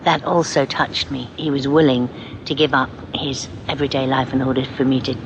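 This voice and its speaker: A woman's voice: rumbling low, level tone, a little fast, lo-fi sound, noisy background. A woman from London telling her story in a heartfelt, direct way. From London, England. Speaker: mother, course graduate. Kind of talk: testimonial interview.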